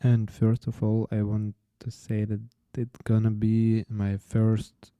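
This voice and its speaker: A young man hosting his own podcast, telling his story unscripted in a halting way and often searching for words. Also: fairly low pitch, completely flat delivery, mellow, clean tone, no echo, muffled recording. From Ukraine. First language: Ukrainian. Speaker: podcast host.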